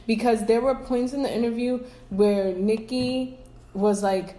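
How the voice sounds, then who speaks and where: A woman's voice: on the high side, fairly even intonation, measured pace, warm tone, echoey room. A woman co-hosting a podcast, chatty and easygoing in casual chat. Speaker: podcast co-host.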